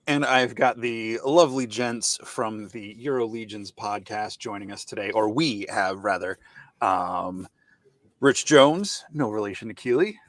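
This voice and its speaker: A man's voice: on the low side, measured pace, no room sound. Chatty man hosting, dry sound. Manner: chatty, rambling introductions. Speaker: podcast host. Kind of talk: casual video-call podcast chat.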